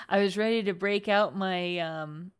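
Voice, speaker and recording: A woman's voice: mid-range voice, clean tone. A woman streaming a video game, chatting in a giggly, casual way. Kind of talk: casual gameplay commentary. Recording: game music behind.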